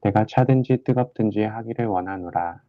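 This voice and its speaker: A man reading scripture aloud to a study group in a slow, measured way. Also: on the low side, no echo, lo-fi sound. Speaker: scripture reader.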